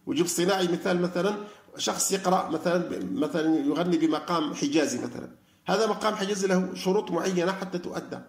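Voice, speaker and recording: Guy lecturing quick, gravelly voice, echoey room. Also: fairly high pitch. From Algeria. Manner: animated, argumentative, asks rhetorical questions. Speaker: lecturer on Quran study. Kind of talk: religious lecture.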